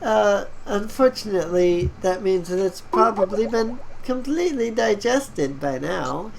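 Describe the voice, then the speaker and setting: A woman's voice: medium pitch, animated, unhurried, creaky, slight background noise, pitched above the performer's own voice, poor audio. A woman voicing a smug, cryptic, cackling skeleton guardian in a tabletop game, in a teasing, lilting skeleton voice.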